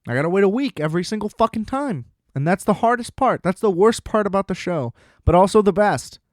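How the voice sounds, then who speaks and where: A man hosting a solo podcast, chatting casually about TV in an excitable, profane, rambling way. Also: high-pitched, a little fast, no room sound, studio quality. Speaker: podcast host.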